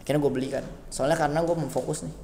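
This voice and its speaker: This young man, a school alumnus appearing on a casual podcast, talks in rapid-fire bursts with a fairly high, creaky voice while a crowd murmurs behind him. He tells his story animatedly, acting out whoever he quotes, in a reverberant room with faint noise.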